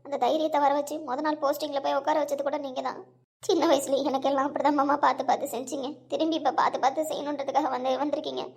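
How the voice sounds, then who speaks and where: Woman as a tearful young bride, high, fast, gravelly edge. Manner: pleading, emotional. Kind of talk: amateur audio drama.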